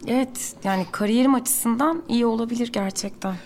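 An actress playing a weary, irritable older sister who talks in a brusque, exasperated way. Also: female voice, on the high side, fairly quick, background noise, close to an everyday voice. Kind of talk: audio drama acting.

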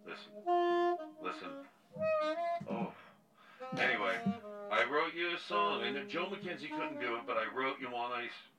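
A man's voice: medium pitch, animated, moderate pace, pauses often, far from the mic, loud music behind the voice, poor audio. A tipsy man rambling and giggling in a voice memo played back from a phone, recorded outdoors on a city street with a saxophone playing nearby. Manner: rambling, giggling at his own jokes. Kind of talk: casual voice message.

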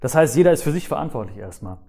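A man's voice: mid-range voice, racing, vocal fry. A man, a guest on a podcast, talking casually and giving life advice, acting out people's thoughts in little quotes and tagging "ne?" onto his phrases. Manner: animated, acts out other people's thoughts in quotes; ends phrases with "ne?".

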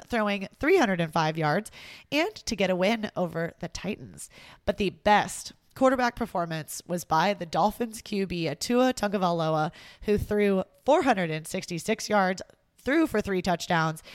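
A woman's voice: mid-range voice, no room sound. A woman hosting a weekly sports news roundup in a chatty, amused way, laughing between stories.

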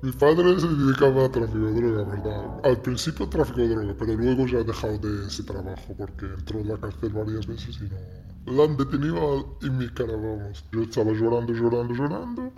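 Hombre con acento marroquí, habla entrecortado. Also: male voice, medium pitch, expressive, warm tone, a little hiss or hum. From Morocco. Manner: halting, repeats words, asks "¿me entiendes?". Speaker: interviewee, former smuggler. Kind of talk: interview testimony.

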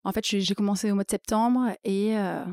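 A woman's voice: medium pitch, steady tone, brisk, darkish tone, no room sound, clean studio sound. A woman guest in a casual interview, telling her career story with many fillers and acting out her own inner thoughts.

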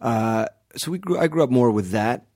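A man in his thirties, a guest born in Guatemala and raised in Miami, talking in a relaxed, thoughtful way with many fillers and restarts. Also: medium pitch, normal speed, no room sound, studio quality. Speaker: actor guest. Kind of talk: casual interview chat.

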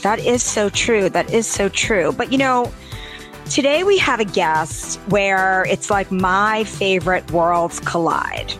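A woman's voice: mid-range voice, lively intonation, slow, fairly bright tone, faint music behind. A woman hosting a beauty podcast, chatting in an effusive, rambling way with lots of fillers. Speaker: podcast host and beauty editor.

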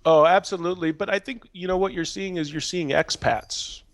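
An American man from Minnesota, appearing as a podcast guest, talks casually in a high-pitched voice at a slightly fast clip. He rambles and often says "you know," and the recording is dry.

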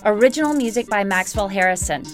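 A woman's voice: mid-range voice, animated, fast talker. A woman hosting a news podcast, reading scripted investigative narration as a reporter. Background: music.

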